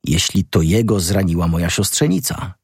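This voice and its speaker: A man's voice: low-pitched, animated, normal speed, gravelly, darkish tone, husky, no echo, studio quality, heavily acted. A man reading the part of a stern, aristocratic older count who speaks in curt, threatening commands. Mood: grave. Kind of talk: audiobook character reading.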